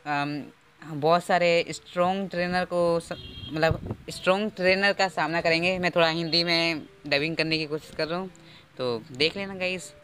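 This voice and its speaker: A man's voice: fairly high pitch, steady tone, moderate pace, pushed and bright, a little hiss or hum. A man doing game playthrough commentary with amateur dubbing, joking and self-mocking, recorded on an earphone mic held close to his mouth. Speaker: gaming YouTuber.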